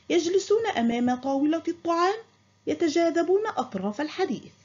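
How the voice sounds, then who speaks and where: Lively high-voiced woman teaching children. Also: dull audio. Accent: Qatari. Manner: addresses pupils warmly, praises imagined answers. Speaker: primary school Arabic teacher. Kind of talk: recorded classroom lesson.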